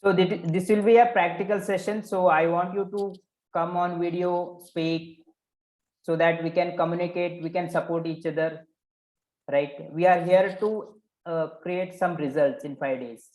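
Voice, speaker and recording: A man's voice: high voice, fairly even intonation, moderate pace, a little mellow. A man leading a live online coaching session, probing participants and repeating their answers back to them. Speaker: workshop coach. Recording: roomy echo.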